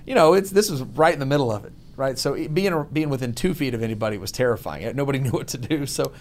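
A man from Texas hosting a casual chat, telling stories with lively voice mimicry. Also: medium pitch, brisk. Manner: animated storyteller, mimics voices.

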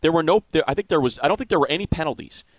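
An older man co-hosting a casual football chat, excitable, repeating numbers for emphasis and restarting his sentences, with the hiccups. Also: on the high side, racing, dry recording. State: has the hiccups. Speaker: sports podcast co-host. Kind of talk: casual sports analysis chat.

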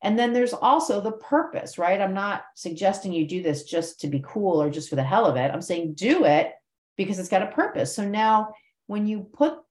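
A woman who hosts a podcast and trains yoga teachers explains cues conversationally, acting out her sample cues with shifting inflection as she teaches. Her medium-pitched voice is animated and darkish at a moderate pace, with a roomy sound.

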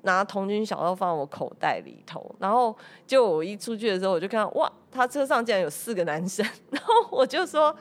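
A woman from Taiwan with a Taiwanese Mandarin accent, a podcast guest telling a travel story casually, lively and often laughing. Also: mid-range voice, fast talker, hardly any pauses. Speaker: podcast guest, performing artist.

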